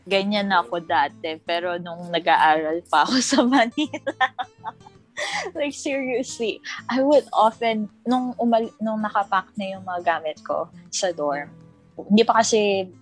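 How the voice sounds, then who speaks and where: A young woman co-hosting a podcast, reminiscing about childhood in relaxed chat, laughing often and mixing English into her Tagalog. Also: medium pitch, a little slow, soft background music, low-quality recording. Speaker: podcast co-host. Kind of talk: casual chat.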